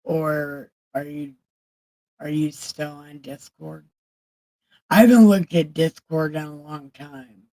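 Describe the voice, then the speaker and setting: Slow, gravelly woman livestreamer. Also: low-pitched, steady tone, mellow. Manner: candid, profane, chatting with viewers. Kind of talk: casual livestream chat.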